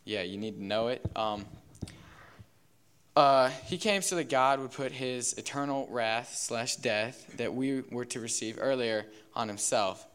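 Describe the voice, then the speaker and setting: A young man gives a casual sermon with a smooth, resonant voice at an ordinary pitch. He talks in a loose, filler-heavy way, like he is chatting with a youth group. He slips into little character voices to tell a story. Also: unhurried. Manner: relaxed, filler-heavy, acts out characters in a parable. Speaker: youth speaker.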